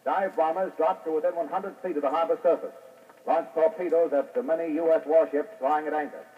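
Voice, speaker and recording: An urgent wire reporter, old newsreel. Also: male voice, on the high side, fairly even intonation, a little hiss or hum. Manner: brisk, clipped dictation. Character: urgent male wire reporter dictating news by phone. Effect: old newsreel-style radio broadcast sound. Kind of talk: 1940s radio acting. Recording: muffled, distant old radio broadcast.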